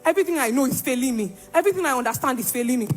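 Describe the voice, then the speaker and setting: A woman's voice: sits high, lively intonation, rapid-fire, soft background music. A young woman giving an emphatic church testimony and acting out the dialogue as she tells her story.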